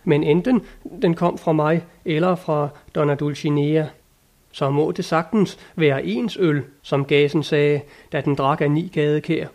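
A man's voice: a little high, fairly even intonation, darkish tone, lightly acted. A man voicing a plain, earthy squire in an audiobook, answering in a blunt, matter-of-fact, folksy way. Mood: dry. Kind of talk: audiobook character reading.

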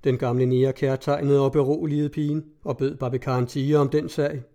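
A man narrating a classic novella in a measured, even audiobook reading. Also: medium pitch.

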